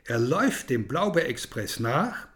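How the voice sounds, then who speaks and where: A man narrating a children's story in an expressive, storytelling manner. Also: medium pitch, measured pace.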